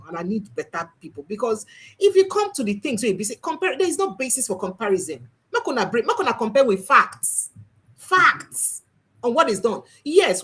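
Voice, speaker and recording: A woman's voice: mid-range voice, background noise. A Nigerian woman hosting a political commentary livestream, emphatic and slipping into Pidgin. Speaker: livestream host.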